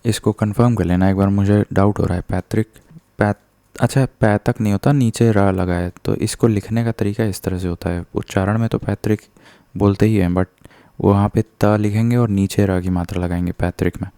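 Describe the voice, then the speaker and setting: Low flat-voiced male teacher. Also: normal speed, no echo. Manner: patient, explanatory, corrects himself. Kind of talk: spelling lesson explained step by step.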